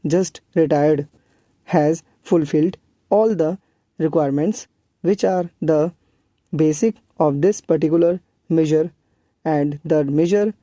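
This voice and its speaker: Slow, very mellow voice dictating. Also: mid-range voice, no echo. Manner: dictating in short separated phrases with pauses. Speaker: shorthand dictation reader. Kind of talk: slow, measured dictation for transcription practice.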